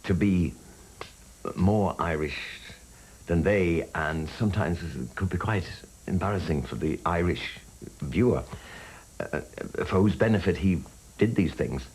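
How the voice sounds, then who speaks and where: This is a deep, low-voiced man in an interview. He reflects carefully, breaking off with small pauses, over a faint bed of ambient noise. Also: lively intonation, a little mellow, low-quality recording. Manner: reflective, pausing with ums. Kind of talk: documentary interview.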